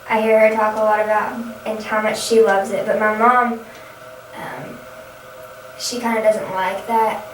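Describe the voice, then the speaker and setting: A young adult woman speaking haltingly, often restarting phrases, in a conversational counseling role-play as the client. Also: a little high. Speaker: student playing a counseling client. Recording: echoey, distant, noisy room recording.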